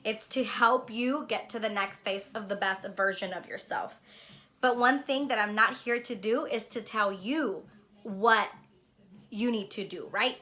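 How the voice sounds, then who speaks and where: A spiritual vlogger and card reader, born in Honduras and living in Los Angeles, has a casual, heartfelt talk with her viewers. She is reflective and earnest, often checking in with "right?", in a slightly high voice that sounds pushed and bright.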